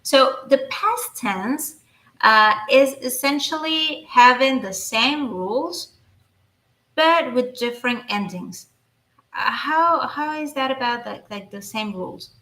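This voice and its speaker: A woman teaching an online language lesson, explaining slowly with many fillers and restarts into a computer microphone. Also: high voice, expressive, sharp tone, reverberant. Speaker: Spanish teacher.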